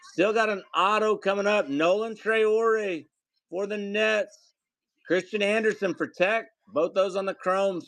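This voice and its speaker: A man's voice: high voice, fairly bright tone, no room sound. A man hosting a live card break, reading off player names and calling out the hits to viewers.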